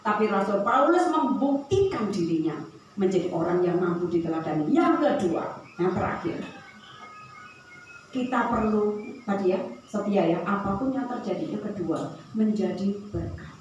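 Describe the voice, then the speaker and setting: A woman's voice: medium pitch, highs cut off, a little hiss or hum. A woman preacher giving a sermon in a church, telling stories in a loose, conversational way. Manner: conversational storytelling, tangents and light laughs. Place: church hall. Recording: very echoey hall from far off.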